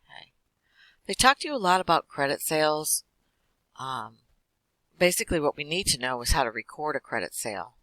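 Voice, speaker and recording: A man teaching an accounting class, walking through lecture slides quickly with casual fillers. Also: a little high, pushed and bright, dry recording, low-quality recording. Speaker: accounting instructor.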